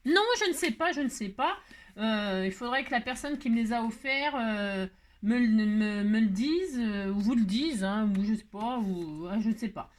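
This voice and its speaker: A woman's voice: fairly high pitch, normal speed, darkish tone. Chatty woman vlogger. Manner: chatty and rambling, jokey, many fillers. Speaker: crafting vlogger. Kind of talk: casual chat to viewers.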